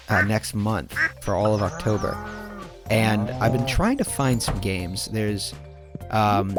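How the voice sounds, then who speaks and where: A man commenting over gameplay in a rambling, casual way, full of fillers and restarts, sounding sleepy. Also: on the low side. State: sleepy, yawning. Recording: clear background music. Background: background game music.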